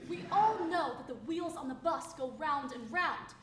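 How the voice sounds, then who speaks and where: A woman's voice: high-pitched, animated, normal speed, fairly bright tone. A woman playing a bubbly TV news anchor in a comedy sketch. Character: chirpy female TV news anchor. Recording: roomy, distant, noisy.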